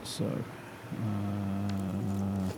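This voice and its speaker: Playing a building game with a friend, a low-voiced man chats in a playful, self-mocking way, though his delivery is totally flat and extremely slow. He's a co-host and player in this casual gameplay talk, recorded with background noise.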